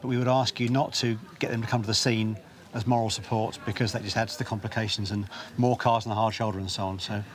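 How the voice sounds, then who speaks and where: Fast-talking man giving safety advice. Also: fairly low pitch, level tone. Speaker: interviewed road safety officer. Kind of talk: explanatory interview answers.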